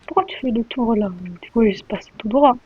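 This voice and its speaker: A woman giving excitable gameplay commentary as a streamer, full of sudden exclamations. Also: fairly high pitch, brisk, slightly rough, no room sound. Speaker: gaming streamer. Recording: dull lo-fi mic.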